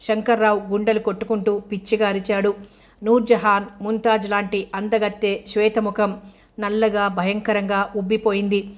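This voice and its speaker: A woman narrating an audio novel in a measured, unhurried reading. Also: medium pitch, little pitch movement.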